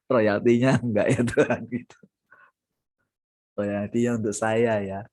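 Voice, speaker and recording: Over a video call, a man delivers a sermon at an unhurried pace, animated throughout. For emphasis his voice climbs high and loud, then sinks low and soft.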